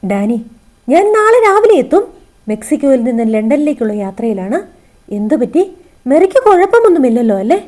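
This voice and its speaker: A woman's voice: high-pitched, big pitch swings, a little fast, darkish tone, pitched above the performer's own voice. A woman reading as a concerned, loyal male friend.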